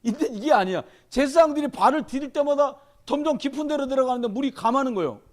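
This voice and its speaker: A middle-aged man preaching a sermon as pastor, telling stories with lively quoted dialogue. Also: extremely high pitch, fast. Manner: animated storytelling, shouting in quoted dialogue.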